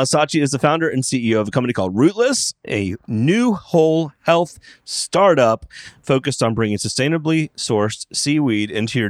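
A man's voice: mid-range voice, no room sound. A man hosting a podcast interview, bubbly and jokey, with a close, dry microphone sound. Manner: bubbly, jokey, repeats catchphrases. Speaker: podcast host.

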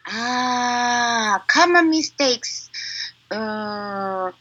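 A woman's voice: fairly high pitch, extremely slow, bright, forceful tone, dull audio. A woman from Japan, a native Japanese speaker, speaking hesitant learner's English with a Japanese accent as an interview guest.

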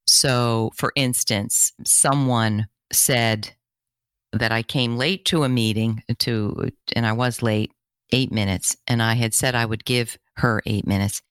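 Career coach lady, middle-aged, chatty and animated, dry close mic. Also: a bass voice, smooth, dry recording. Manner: animated storytelling, quick bursts. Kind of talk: casual interview chat.

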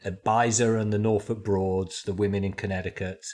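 A man's voice: lowish voice, flat delivery, normal speed, a little mellow. A man with a Manchester accent chatting casually about music, joking and teasing and laughing often. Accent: Mancunian English. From England.

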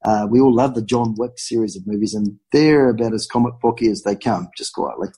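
A man's voice: lowish voice, brisk, mellow, husky. A man with a broad New Zealand accent chatting casually and informally as a guest in a podcast interview.

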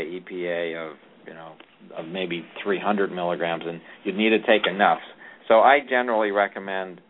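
On a call-in radio program, a doctor with a low voice gives a caller meandering advice, repeatedly starting his sentences over and leaning on fillers. The sound is thin and phone-like, with a slight hiss or hum underneath.

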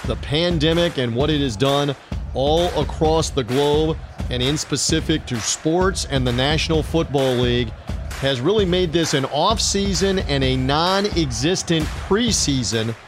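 A middle-aged man hosting a sports podcast alone, with a smooth broadcaster delivery and occasional fillers. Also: a little high, unhurried, over music. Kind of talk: solo podcast monologue.

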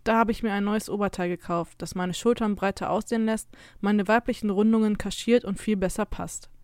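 A woman narrating a scripted first-person Christmas story in an even, measured way. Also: medium pitch, dry recording, clean studio sound.

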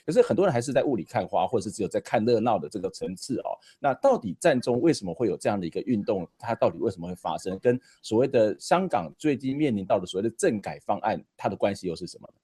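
Male host, Taiwanese Mandarin accent. Quick delivery with lively inflection, for conversational current affairs. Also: on the low side, husky. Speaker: talk show host.

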